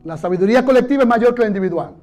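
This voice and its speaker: A man's voice: extremely high pitch, animated, very fast, a little mellow, faint music behind. A male pastor preaching a sermon, leading the congregation to repeat lines aloud in call-and-response.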